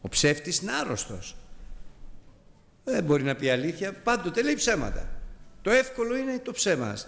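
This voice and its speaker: A man's voice: high-pitched, sing-song, creaky, fairly bright tone, in a large hall. A man teaching a Bible study as a sermon, earnest and emphatic, addressing his listeners as brothers.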